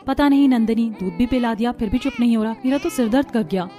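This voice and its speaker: एक महिला एक कार्टून कहानी में एक परेशान पड़ोसी माँ की आवाज़ दे रही है, घबराए हुए अंदाज़ में।. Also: female voice, on the high side, quick pace, warm tone, natural voice. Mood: flustered. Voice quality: flustered, grateful. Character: worried neighbor woman, young mother. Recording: light music behind voice.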